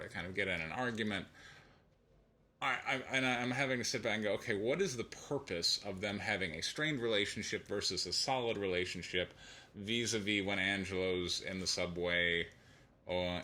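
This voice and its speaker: A man's voice: fairly low pitch, pushed and bright. A man giving an opinionated, casual spoken review of a comic book, thinking aloud as he goes.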